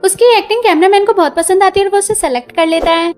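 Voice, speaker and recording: A woman retelling a drama plot in brisk storytelling narration. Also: very high voice, a little mellow, faint music behind.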